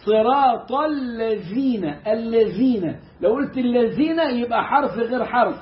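A man with an Egyptian Arabic accent teaching Quran recitation in a casual, animated way, mimicking mistakes and drawing out the correct sounds. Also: extremely high pitch, echoey room, highs cut off. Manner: animated, mimics mispronunciations and demonstrates slow recitation. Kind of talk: casual lesson.

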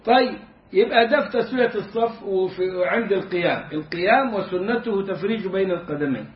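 A man with a strikingly high voice and an Egyptian accent gives a religious lesson with humor. He drags words out slowly to model how they should sound. The recording is echoey and a little dull. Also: slight background noise. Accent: Egyptian Arabic. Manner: humorous, demonstrative, drawing out words to teach pronunciation. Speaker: Islamic jurisprudence teacher.

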